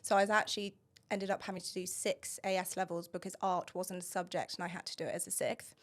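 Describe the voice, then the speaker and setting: A woman's voice: on the low side, flat delivery, fast talker. Talkative woman guest in her thirties. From England. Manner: talkative, laughs often, long-winded. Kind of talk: casual chat.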